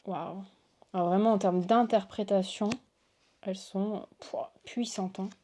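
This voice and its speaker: A woman's voice: mid-range voice, fairly even intonation, a little slow, dark tone, slight background noise. A woman hosting a casual unboxing chat, gushing and exclamatory as she shows cards to her viewers. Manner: gushing, exclamatory, lots of waouh and oh là là. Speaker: tarot reader and channel host.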